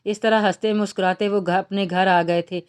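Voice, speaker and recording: A woman narrating a romance novel in a plain, steady reading voice with small slips. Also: mid-range voice, moderate pace, clean tone.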